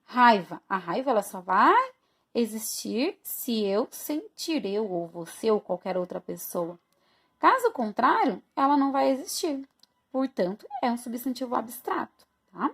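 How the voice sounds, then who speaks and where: A woman's voice: a little high, big pitch swings, a little slow, fairly bright tone, slightly rough. A woman teacher from Brazil, recording a review lesson for her students and explaining each point step by step while checking in with them often.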